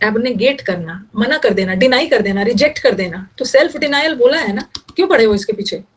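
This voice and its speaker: A woman's voice: a little high, lively intonation, fairly quick, breathy edge, poor audio. A young woman teaching English vocabulary in Hindi, explaining word meanings and teasing her students a little. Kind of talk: online vocabulary lesson.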